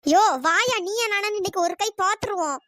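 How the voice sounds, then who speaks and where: Woman voicing cartoon old wife, bossy, sharp-tongued, gloating, bright piercing tone. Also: very high-pitched, fairly quick, dry recording, studio quality. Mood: threatening. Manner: taunting, threatening, gloating.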